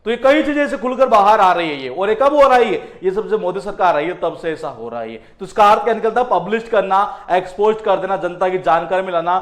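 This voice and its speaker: A man with a notably high voice teaches a lesson, circling back over each point and posing rhetorical questions to his listeners. The recording carries a roomy echo. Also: lively intonation, a little fast, few pauses. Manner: repetitive explaining with rhetorical questions. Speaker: English teacher. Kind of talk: classroom lesson.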